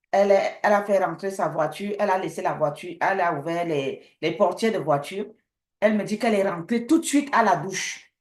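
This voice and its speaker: A woman pastor preaching a sermon, telling a testimony with lively storytelling and acting out both sides of a conversation. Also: on the low side. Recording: echoey room.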